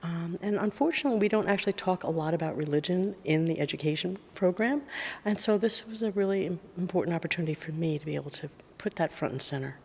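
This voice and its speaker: A woman's voice: on the low side, quick pace, creaky, a little mellow, slightly rough. A woman from Massachusetts, an educator and student, speaking emphatically. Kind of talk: recorded student testimonial.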